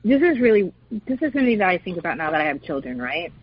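A woman in casual discussion, talking in an animated way with many fillers and acted-out quotes. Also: lowish voice, fast, husky. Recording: dull lo-fi recording.

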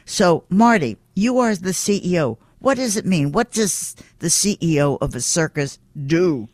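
A woman's voice: fairly low pitch, dry recording. Blunt woman radio host, dry studio sound. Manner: blunt, short direct questions. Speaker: radio show host, interviewer. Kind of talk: casual radio interview.

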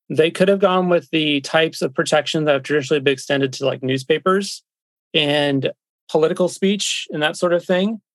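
Slightly high-voiced man explaining, very dry sound. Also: no echo. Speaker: interviewed expert. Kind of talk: conversational explanation.

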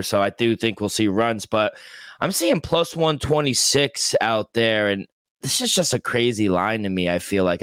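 A man's voice: medium pitch, a bit bright, clean tone, dry recording. A man co-hosting a casual sports betting talk, conversational and opinionated. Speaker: sports betting show co-host.

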